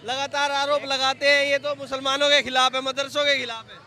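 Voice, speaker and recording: A man's voice: very high-pitched, level tone, brisk, pushed and bright, some chatter behind. A man reporting on the street who keeps prompting his guest, finishing his sentences and asking leading questions. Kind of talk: street interview.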